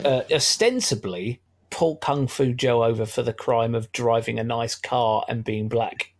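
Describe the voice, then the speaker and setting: A man's voice: medium pitch, unhurried. A middle-aged man, chatting wryly about a film as a podcast co-host. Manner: chatty, wry, laughs often. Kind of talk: casual film discussion.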